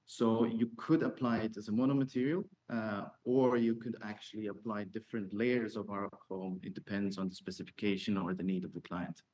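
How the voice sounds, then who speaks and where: Male founder in Q&A, lower register, explanatory, halting phrasing. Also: fairly even intonation, a little mellow. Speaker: startup founder. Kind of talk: answering investor questions.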